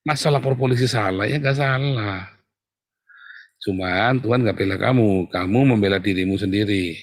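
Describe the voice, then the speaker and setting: A man preaching a sermon in a colloquial, teasing way, swinging from loud outbursts to near-whispers. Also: on the low side, moderate pace. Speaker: pastor.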